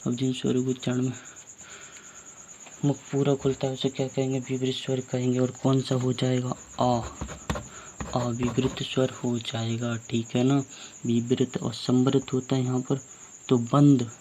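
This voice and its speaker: Guy teaching grammar, kinda monotone, mellow voice, keeps asking then answering himself. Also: mid-range voice, normal speed, a little hiss or hum. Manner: repeats questions and answers them himself; casual and chatty, corrects his own slips. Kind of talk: informal grammar lesson.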